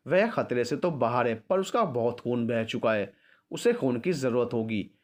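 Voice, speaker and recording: Male narrator doing a calm young nurse, mid voice, urgent but steady. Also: mid-range voice, moderate pace, close to an everyday voice.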